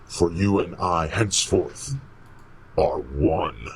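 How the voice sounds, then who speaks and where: A man's voice: deep voice, lively intonation, creaky, slight background noise, full character voice, poor audio. A man playing a sorrowful man-made monster in a horror audio drama, solemn and theatrical, weary yet tender. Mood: grim resolve. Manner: solemn, slow, theatrical, archaic phrasing.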